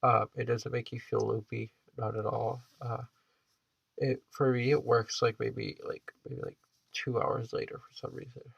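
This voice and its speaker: A man's voice: medium pitch, level tone, a little slow, creaky, breathy edge, no room sound, highs cut off. A 21-year-old man chatting casually in a vlog, rambling and hesitant, with the stuffed-up nasal sound of a blocked nose. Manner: hesitant and rambling, heavy use of "like". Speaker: vlogger.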